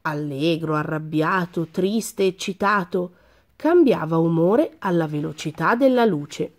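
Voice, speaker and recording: Expressive woman reading a children's tale. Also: lowish voice, measured pace. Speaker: storyteller. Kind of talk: children's story read-aloud.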